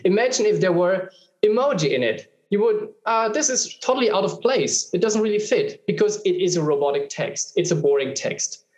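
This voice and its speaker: A man's voice: high voice, expressive, normal speed, darkish tone. Man explaining in a roomy echo. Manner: explains patiently, many filler ums and restarts. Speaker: guest expert. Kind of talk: explanatory conversation.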